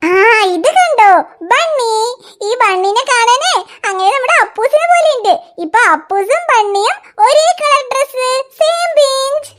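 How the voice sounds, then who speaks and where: A woman's voice: extremely high pitch, expressive, a little slow, a bit bright, exaggerated voice. A woman voicing a young cartoon mother who coaxes and soothes her crying toddler in a fretful, sing-song way. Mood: coaxing. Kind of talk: cartoon dialogue.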